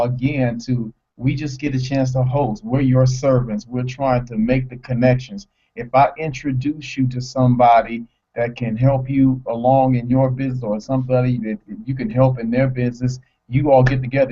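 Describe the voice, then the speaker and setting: A man co-hosting a live broadcast, talking in an excitable, rambling way and stumbling over words. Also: on the high side, husky, muffled recording. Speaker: co-host.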